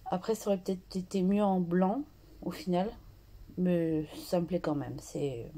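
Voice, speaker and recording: A woman hosting a craft tutorial, slowly talking through her art journal steps with many pauses and restarts. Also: fairly low pitch, fairly even intonation, warm tone, slight background noise. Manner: slow and hesitant, many fillers and restarts.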